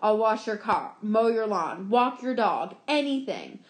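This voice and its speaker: A woman's voice: mid-range voice, big pitch swings. A woman doing a nervous pleading schoolboy. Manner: pleading, rushed promises. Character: nervous seventh-grade boy, shy and eager. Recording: roomy echo.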